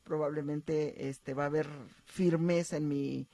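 A woman psychologist, calmly explaining emotions as a radio guest. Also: low voice, measured pace, dry recording. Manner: explanatory, calm, uses fillers like "este". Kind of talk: advice talk on radio.

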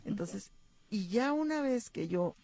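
A woman psychologist, calmly explaining emotions as a radio guest. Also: mid-range voice, measured pace, gravelly. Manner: explanatory, calm, uses fillers like "este". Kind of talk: advice talk on radio.

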